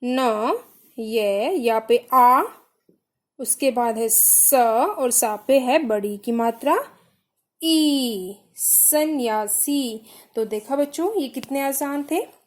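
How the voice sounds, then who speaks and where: A woman with a high voice teaches children a grammar lesson at an unhurried pace. She breaks each word down syllable by syllable with patience. She poses questions and then answers them herself. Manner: patient, slow, spelling out syllables one by one.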